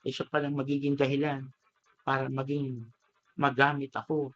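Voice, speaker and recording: A man's voice: sits high, lively intonation, a little slow, highs cut off, pitched above the performer's own voice. A man voicing a bamboo plant in a parable, asking pleading, indignant questions. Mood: tearful.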